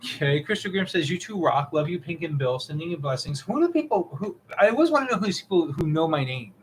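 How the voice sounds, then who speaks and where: A man's voice: fairly high pitch, sing-song, quick pace, slight background noise, low-quality recording. A young man co-hosting a casual live stream, reading viewer comments aloud and rambling through his answers with many ums. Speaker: co-host of a witchcraft live stream.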